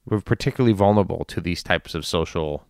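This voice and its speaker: A man giving informal news and community commentary in a measured, deliberate way with long pauses. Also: low-pitched, gravelly, darkish tone, dry recording, clean studio sound. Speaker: commentator addressing his community.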